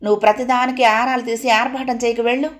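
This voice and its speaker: A woman reading as a gentle young wife and mother. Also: medium pitch, moderate pace, close to an everyday voice. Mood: sharp. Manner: tender. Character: gentle eldest daughter-in-law, tender then stern.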